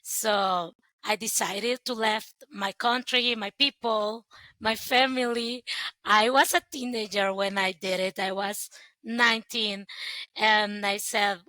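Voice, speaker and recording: A young woman, sharing her story as a guest in sincere, halting phrases. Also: medium pitch, steady tone, pushed and bright, no room sound, poor audio. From El Salvador. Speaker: guest, sponsorship coordinator. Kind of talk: earnest personal testimony.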